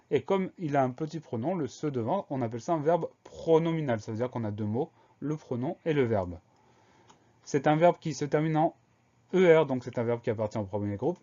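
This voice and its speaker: A man's voice: mid-range voice, warm tone, muffled recording. A man teaching a spelling lesson, carefully spelling out words letter by letter. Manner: slow, deliberate spelling out of letters.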